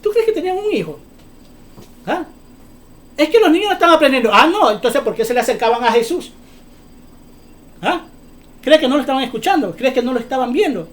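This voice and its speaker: A man preaching a sermon, fervent and often shouting, firing off rhetorical questions. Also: very high voice, sing-song, brisk, long pauses.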